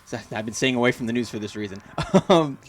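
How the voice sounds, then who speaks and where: A man's voice: mid-range voice, fast, a little hiss or hum. A man co-hosting a gaming livestream, chatting casually in an upbeat, self-mocking way and laughing often at his own slips. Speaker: streamer and co-host. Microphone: desk mic at a streaming setup.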